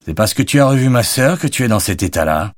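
A man's voice: fairly low pitch, animated, fast talker, no room sound, clean studio sound, pitched above the performer's own voice, natural voice. A man reading an audiobook, voicing a laid-back, forgetful uncle in a lifted, casual tone. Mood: sheepish.

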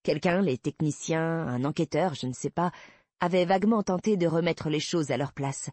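Breathy woman narrating a novel. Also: low voice, normal speed, darkish tone, dry recording. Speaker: audiobook narrator. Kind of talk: first-person novel narration.

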